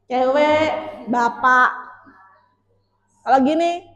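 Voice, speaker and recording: A woman with a high voice gives a casual workshop talk to teachers. She chats directly with her listeners, calling them sir and ma'am. Her voice rings in an echoey meeting room. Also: drawn-out words, a bit bright, dull audio. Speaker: workshop presenter.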